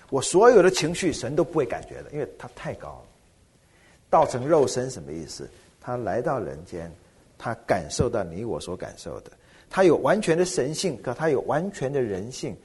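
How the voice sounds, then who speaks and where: A middle-aged man, a pastor, preaching a sermon with animated rhetorical questions. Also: medium pitch, breathy edge.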